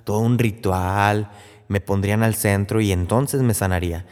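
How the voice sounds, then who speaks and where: A man's voice: lowish voice, moderate pace, a little mellow, close to an everyday voice. A man voicing a proud army commander who complains indignantly that he expected a grand healing ritual. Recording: long hall reverb.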